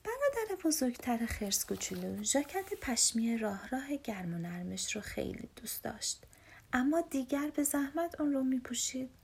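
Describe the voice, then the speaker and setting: A woman reading a children's storybook aloud in a soft, often whispered voice. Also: high-pitched, very animated, vocal fry, a little hiss or hum.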